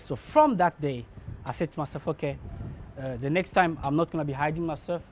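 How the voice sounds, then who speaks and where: A man from Congo in his thirties, a barber telling his own story in a documentary interview, earnest and measured. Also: on the high side, a little mellow, faint music behind. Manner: earnest, measured, acts out remembered dialogue. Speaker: barber and shop owner.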